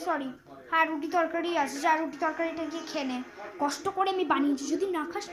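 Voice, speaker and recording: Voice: very high voice, poor audio. A child playing a strict scolding mother. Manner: bossy, threatening, nagging. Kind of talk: pretend-play role-play. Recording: clear background music.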